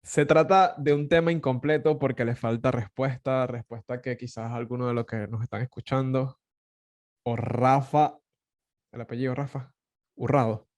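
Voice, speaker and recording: Lively Caracas Venezuelan man. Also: mid-range voice, moderate pace. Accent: Caracas Venezuelan Spanish. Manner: animated, laughs often, many fillers and restarts. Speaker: podcast host. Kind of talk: casual conversation.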